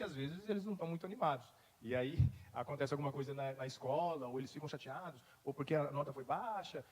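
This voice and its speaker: Husky high-voiced pastor preaching in a reverberant hall. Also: male voice. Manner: conversational storytelling rising to emphatic declarations. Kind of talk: sermon. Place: church. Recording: long reverb in a church hall.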